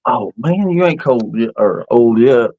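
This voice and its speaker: A man in his fifties chats casually about camping on an outdoor live stream, rambling in a folksy, storytelling way. His medium-pitched voice has lively intonation, a dark tone and a slightly slow pace. The recording is muffled.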